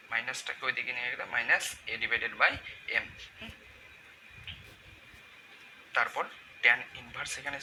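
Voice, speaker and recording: A man's voice: medium pitch, bright, forceful tone. A man giving a step-by-step math lecture, asking questions and answering them himself. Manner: walks through algebra aloud, asks and answers own questions. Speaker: math tutor. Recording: noisy room sound.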